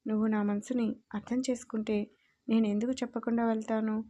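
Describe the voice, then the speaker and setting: A woman's voice: on the high side, flat delivery, a little fast, dark tone, lightly acted. A woman voicing a timid, tearful young wife who pleads earnestly in a storybook reading. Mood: pleading.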